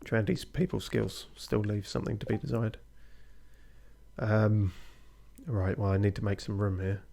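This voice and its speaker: A man's voice: lowish voice, steady tone, a little slow, vocal fry, mellow, slight background noise. A man giving casual gameplay commentary as a streamer, with wry, joking asides. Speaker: video game streamer.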